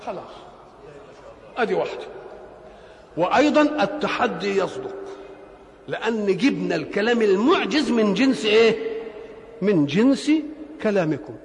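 A man with a high voice preaches in Egyptian Arabic, explaining scripture. He keeps asking rhetorical questions and leaves gaps for the listeners to answer. The sound is roomy, with a long hall reverb trailing each phrase. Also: big pitch swings, moderate pace, pauses often, crowd noise. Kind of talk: religious lecture explaining scripture.

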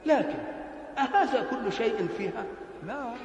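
A man's voice: very high-pitched, lively intonation, normal speed, a crowd in the background. A man with an Egyptian Arabic accent giving a religious lecture, asking rhetorical questions and letting the listeners answer. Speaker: preacher. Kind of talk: religious lecture explaining scripture. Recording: roomy hall with long reverb.

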